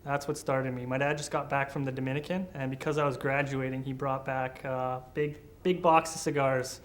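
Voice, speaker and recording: A man's voice: medium pitch, flat delivery, normal speed, slight background noise. A man in his early twenties giving earnest, conversational interview answers. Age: 20s.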